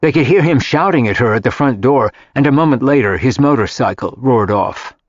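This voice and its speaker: A man reads a novel aloud in a steady, even storytelling voice. The sound is dry and close, with a slightly muffled, lo-fi quality. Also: mid-range voice, fairly quick, dry recording. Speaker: audiobook narrator. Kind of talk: scripted narration.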